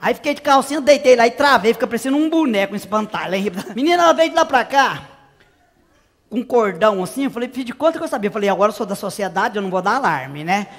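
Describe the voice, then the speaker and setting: A man's voice: extremely high pitch, animated, quick pace, big-room sound, exaggerated voice. A male comedian on a live stage playing a brash, dramatic middle-aged woman, telling a story in a gossipy way with shrieks. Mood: gossiping. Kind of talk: live stand-up character monologue.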